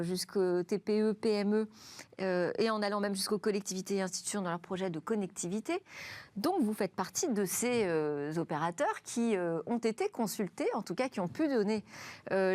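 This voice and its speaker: A woman hosting a TV tech interview in a studio, speaking lively with frequent hesitations. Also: mid-range voice, dry recording. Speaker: tech show host.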